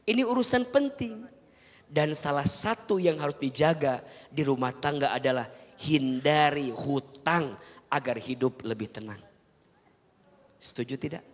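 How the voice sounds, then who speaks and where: Here the same kind of televised preaching comes in a slightly high voice, a little slow and broken by long pauses. He counsels earnestly, draws listeners in through rhetorical questions, and the hall reverb lingers long.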